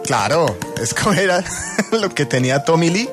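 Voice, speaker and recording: Quippy man, lively pitch. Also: over music. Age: 30s. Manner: quick interjecting quips. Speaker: radio co-host. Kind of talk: joking studio banter.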